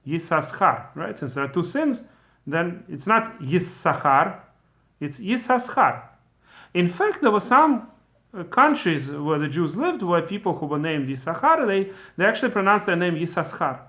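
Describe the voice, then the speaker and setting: Guy w/ as teaching a torah lesson, kinda high voice, lots of uhs and restarts. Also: a bit bright. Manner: explains patiently with many fillers and restarts. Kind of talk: casual spoken lesson.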